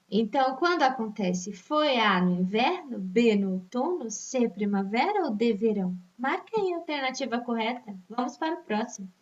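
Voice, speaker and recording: High-voiced Brazilian woman teacher, distant and dull. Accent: Brazilian Portuguese. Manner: patient, drawn-out answer options, checks in with "tá?". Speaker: primary school teacher. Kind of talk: reading a test aloud to young pupils.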